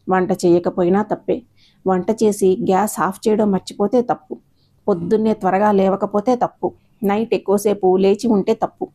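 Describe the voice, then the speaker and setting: A hurt young wife lists her grievances with indignant defiance, as a woman reads her lines. The voice is mellow and fairly even, told in storybook fashion. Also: mid-range voice, natural voice. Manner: complaining, indignant. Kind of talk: storybook narration, acted dialogue.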